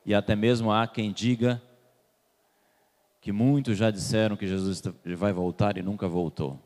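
A sermon comes from a man from Salvador, Bahia, Brazil, speaking a little slowly with fairly low pitch, fairly even intonation, and a slightly mellow sound. He questions the congregation and waits for their replies, and the church hall produces a long reverb.

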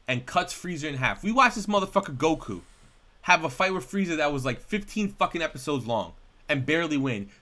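Podcast guy rambling and hyped, swears a lot, bright edgy voice. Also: fairly high pitch. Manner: excitable, rambling, swears often. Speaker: podcast co-host. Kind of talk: casual chat.

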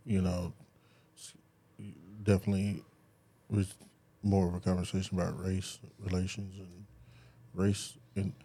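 A man co-hosting a casual podcast chat, joking and chiming in with quick reactions. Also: deep voice, completely flat delivery, dark tone, slightly rough. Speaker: podcast co-host.

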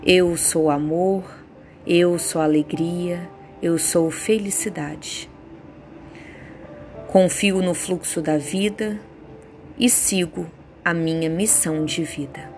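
A woman guiding a meditation with affirmations in a soothing, unhurried way, leaving pauses between phrases. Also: fairly low pitch, fairly even intonation. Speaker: meditation guide. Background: soft background music.

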